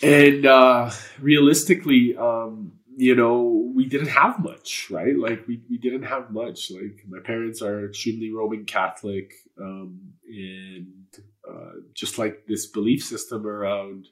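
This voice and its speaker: Speaking as an interview guest in candid, personal conversation, this Canadian man with a low voice learned Polish first. His tone stays steady and he takes his time, though the recording quality is poor. He's earnest and spiritual, wandering through his thoughts with many fillers and swear words.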